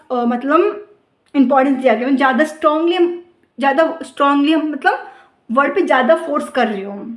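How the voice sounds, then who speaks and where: A woman's voice: high-pitched, roomy sound. A woman tutor going through exam questions step by step, often asking a question and then answering it herself. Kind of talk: exam-prep lesson.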